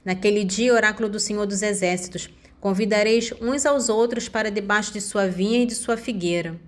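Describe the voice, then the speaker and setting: A woman calmly reading Bible passages and short summaries in an even, measured way. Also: medium pitch. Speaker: Bible reader.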